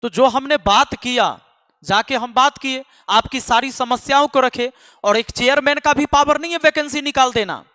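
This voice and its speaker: A man's voice: very high voice, normal speed, pushed and bright, no room sound, studio quality, in a large hall. A man who teaches math online, speaking to his students in an emphatic, scolding way and repeating lines for force. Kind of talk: impassioned address to students.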